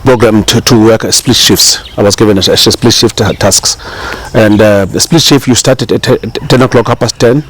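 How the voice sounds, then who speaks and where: There's a little hiss or hum as a middle-aged chef from South Africa, a guest in a casual interview, shares his story. His fairly low voice meanders and loops back often, with fillers and false starts throughout, easygoing and unhurried.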